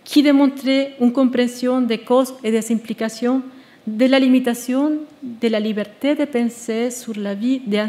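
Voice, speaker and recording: A woman, reading a prepared testimony on stage in a measured, earnest way, with small restarts. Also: a little high, mellow. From Venezuela. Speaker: exiled researcher giving a testimony. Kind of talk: prepared speech read to an audience. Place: stage at a live public event.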